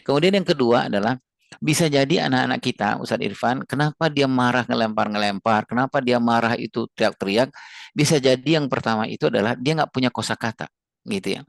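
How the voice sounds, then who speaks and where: A man lecturing parents and teachers on raising children, earnest and explanatory, repeating phrases and rising high when he stresses a point. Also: brisk, creaky, no echo, studio quality. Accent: Indonesian. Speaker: parenting speaker.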